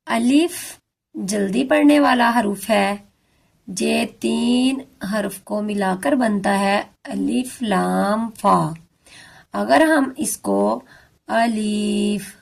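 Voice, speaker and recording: Gravelly-voiced woman teaching tajweed. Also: fairly high pitch. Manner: slow, careful demonstration of letter sounds. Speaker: Quran recitation teacher. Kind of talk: beginner tajweed lesson.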